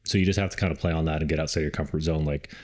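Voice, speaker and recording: A man co-hosting a podcast, giving casual advice on dog training, relaxed and rambling with lots of fillers. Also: rumbling low, very fast.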